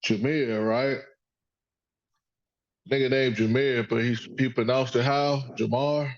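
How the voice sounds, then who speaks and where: A man's voice: medium pitch, fairly even intonation, takes it slowly, dry recording, lo-fi sound. A man hosting a casual sports podcast, rambling and profane, joking with his son over a call. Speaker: podcast host.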